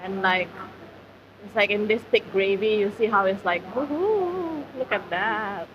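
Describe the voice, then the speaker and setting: A woman's voice: medium pitch, steady tone, moderate pace, crowd noise. A woman live-streaming while eating at a food centre, chatting casually with her viewers and using lots of fillers. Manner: chatty, filler-heavy, talks to chat. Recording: slightly dull audio, faint background noise.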